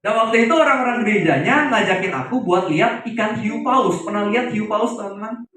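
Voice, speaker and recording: A man's voice: sits high, a little fast, distant mic. A man preaching a sermon, telling stories and asking the congregation questions. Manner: lively, asks the congregation questions. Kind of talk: youth sermon with storytelling. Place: church hall. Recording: very echoey hall, mic from afar, music.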